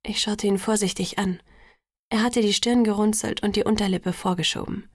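A woman reading a first-person story aloud as an audiobook narrator, in a measured storytelling manner. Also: medium pitch, steady tone, dry recording, studio quality. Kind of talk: scripted narration.

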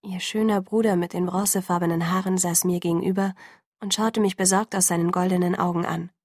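A woman calmly narrating a first-person audiobook in an even storytelling manner. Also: lowish voice, brisk, dry recording, studio quality.

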